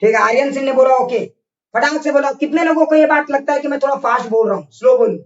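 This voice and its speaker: A man's voice: very high-pitched, fast talker, roomy sound, distant mic, lo-fi sound. A male physics teacher giving an online class lecture, drilling points over and over and scolding students with constant check questions.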